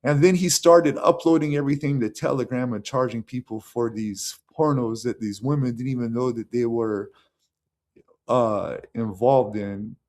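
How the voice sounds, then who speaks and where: A man's voice: fairly even intonation, moderate pace, darkish tone. An American man talking casually to his camera in a rambling way, with many fillers and restarts. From United States. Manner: acts out the voices of others in a raised pitch. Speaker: vlogger.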